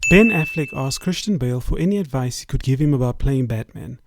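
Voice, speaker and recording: A man's voice: mid-range voice, lively intonation, fairly quick. Male narrator over a noisy track. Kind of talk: scripted narration.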